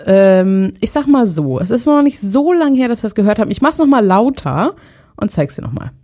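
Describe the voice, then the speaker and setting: A woman's voice: medium pitch, very animated, fairly quick, mellow. A woman co-hosting a chatty podcast, teasing her co-host as she runs a guessing game. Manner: playful, teasing quizmaster. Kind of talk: casual chat, running a quiz game.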